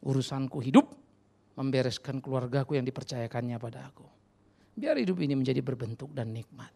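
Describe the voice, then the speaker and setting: A man's voice: mid-range voice, brisk, vocal fry, warm tone. A middle-aged male pastor preaching a fiery sermon in church, scolding and addressing the congregation directly.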